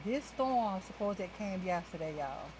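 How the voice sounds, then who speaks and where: A woman's voice: medium pitch, expressive, moderate pace, background noise. A woman hosting a casual makeup livestream from indoors at home, chatting with viewers and calling them y'all. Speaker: talk show host doing a makeup livestream.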